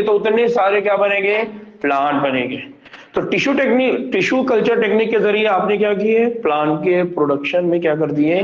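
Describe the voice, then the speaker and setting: A high-pitched man teaches a biology class. He keeps asking rhetorical questions and answering them himself, slipping English terms into his lesson. The recording is dull and lo-fi, in a roomy, echoing space. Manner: mixes English terms into explanations. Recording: echoey room, dull lo-fi sound.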